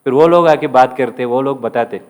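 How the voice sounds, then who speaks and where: A man preaching in a relaxed storytelling way at a middle pitch, voicing the figures' quoted lines as he goes. He drops English words into his talk. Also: normal speed, smooth. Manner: mixes English words into Hindi. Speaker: preacher telling a devotional story. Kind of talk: storytelling sermon.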